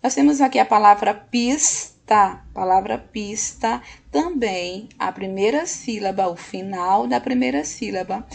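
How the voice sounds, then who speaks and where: Gravelly, husky woman teacher. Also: mid-range voice, darkish tone. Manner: patient, slow, often checks in with "ok?". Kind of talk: recorded classroom lesson.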